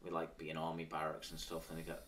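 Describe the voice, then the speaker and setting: A man with a Manx accent talks in a casual interview. His voice is low, and he sits a bit away from the mic. He phrases things loosely and informally, like someone recalling old times. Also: monotone, fast talker, a bit bright, far from the mic, a little hiss or hum. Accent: Manx, Isle of Man. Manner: informal, with frequent "sort of" and "like". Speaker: interview guest, former professional cyclist.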